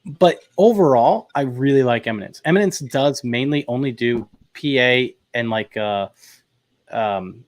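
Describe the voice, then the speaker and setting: A man hosting a casual chat, talking in a relaxed, rambling way with many fillers and restarts. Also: medium pitch, unhurried. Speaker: host. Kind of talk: casual chat about audio gear.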